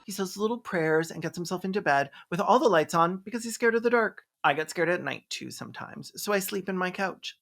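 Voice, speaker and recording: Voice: medium pitch, a little fast, few pauses, fairly bright tone. A video host delivering sarcastic scripted commentary in a theatrical, mocking manner. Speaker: host of a comedic film review.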